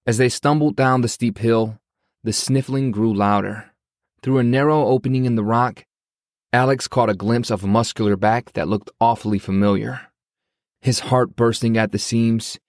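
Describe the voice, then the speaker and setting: A man narrating an audiobook in a measured, even storytelling manner. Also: on the low side, dry recording, studio quality. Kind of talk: scripted narration.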